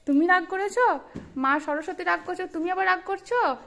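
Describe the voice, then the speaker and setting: High-voiced mother gently teasing her child. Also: moderate pace, creaky. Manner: playful teasing scolding, warm coaxing. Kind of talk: casual family chat with a child.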